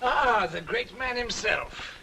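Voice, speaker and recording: A man's voice: very high voice, expressive, takes it slowly, gravelly, sharp tone, slight background noise, heavily acted. A man playing an arrogant, sneering Victorian lord, in 1940s film style. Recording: old film soundtrack, crowd behind.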